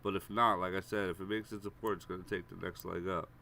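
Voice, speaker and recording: A low-voiced man with a stuffy head cold runs a live premarket chart walkthrough as a stock trading streamer, casually calling chart levels and price targets and repeatedly addressing viewers as "guys." He talks fast in a level tone, and his congested, nasal voice has vocal fry and a sharp edge. There's slight background noise.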